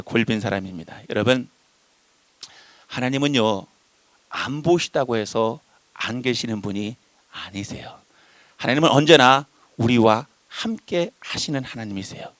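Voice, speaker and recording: A man preaching a sermon, animated and emphatic, addressing the congregation directly. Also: no echo. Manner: animated, voices shifting pitch and loudness for emphasis.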